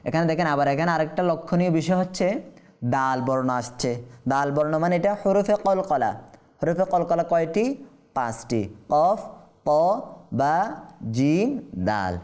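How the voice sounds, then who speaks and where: A man with a Bangladeshi Bengali accent teaching Quran recitation, explaining rules quickly and then chanting the verses slowly in a drawn-out voice. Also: fairly high pitch, expressive, darkish tone. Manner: asks questions and answers them himself. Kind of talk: tajweed lesson with slow chanted recitation.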